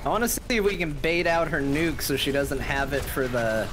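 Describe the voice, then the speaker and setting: A man's voice: a little high, moderate pace, a crowd in the background. A man chatting easily while playing a team game, joking and talking strategy. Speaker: gaming podcast panelist playing a team game. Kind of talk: casual gaming chat.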